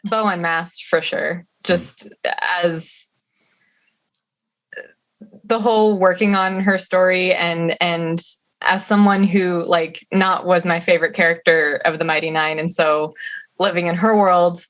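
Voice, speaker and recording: A woman voice actor, chatting in a casual interview in an animated, easy way. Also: lowish voice, measured pace, poor audio. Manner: animated, chatty, laughs easily. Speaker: voice actor guest.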